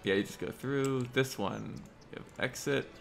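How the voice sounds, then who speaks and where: Creaky and mid-range at a normal speed, the voice belongs to a livestreamer with hiccups who mutters while planning roads in a city-building game and chats casually with viewers. Faint music plays behind him.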